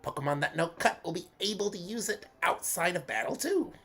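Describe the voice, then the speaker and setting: A man's voice: high-pitched, lively intonation, brisk, bright, forceful tone, pitched above the performer's own voice, exaggerated voice. Format: a man doing a cheery cartoon-rabbit gym leader. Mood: smug, cheery. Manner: Bugs Bunny-style cartoon voice, calls everyone Doc. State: congested.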